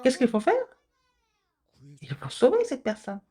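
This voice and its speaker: A woman giving a children's sermon, asking the kids questions and answering them, with sudden high exclamations. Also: wildly swooping pitch, measured pace, mellow. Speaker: kindergarten preacher.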